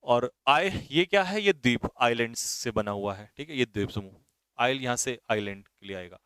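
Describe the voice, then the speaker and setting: A man's voice: mid-range voice, lively intonation, moderate pace, fairly bright tone, smooth, no echo. A man teaching English vocabulary for an exam, often checking whether his students have understood. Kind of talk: exam vocabulary lesson in Hindi.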